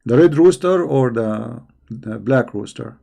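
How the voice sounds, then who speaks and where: With a gravelly, creaky voice of middle pitch, a religious debate host answers viewers on a live stream, combative and mocking. He's expressive, warm-toned and a little slow, often repeating words as he gropes for the next phrase.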